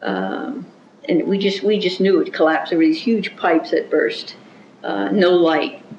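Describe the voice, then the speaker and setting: A woman's voice: fairly low pitch, big pitch swings, darkish tone, slight background noise. A woman recalling events in a roomy recording. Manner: measured and reflective, with small restarts. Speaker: interviewee. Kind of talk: oral history recollection. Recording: roomy, dull-sounding recording.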